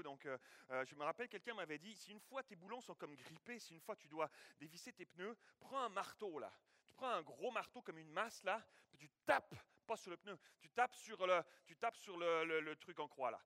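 A man with a high, bright voice preaching a sermon. He tells his story in an animated way, voicing sound effects and stumbling through restarts. The sound is dry and close, with no room echo. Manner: frequent restarts and repeated words. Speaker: pastor. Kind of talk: sermon with a personal anecdote.

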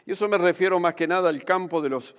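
A man preaching a sermon as pastor, emphatic, slowing down to stress key phrases. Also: high-pitched, clean tone. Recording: long hall reverb.

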